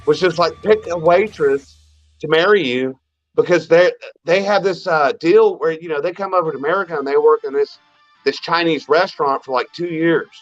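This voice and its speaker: A man's voice: a little high, normal speed, dry recording, lo-fi sound, faint music behind. A man co-hosting a podcast, telling a long story in crude casual chat, rambling, trailing off and restarting. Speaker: podcast co-host.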